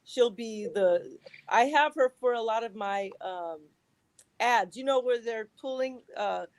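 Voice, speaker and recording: A comic creator joins a casual podcast chat, her voice sitting a touch high. She talks in an animated way and laughs easily. The sound is dry and close, with no room around her. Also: unhurried, dry recording.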